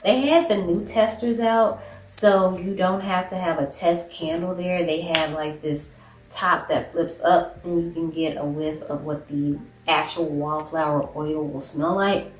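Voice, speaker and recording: Woman vlogger, lowish voice, stuffy nose, rambling casual haul chat; echoey room, faint noise. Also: fairly even intonation, a little slow. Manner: chatty, rambling, lots of "like". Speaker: beauty and shopping vlogger.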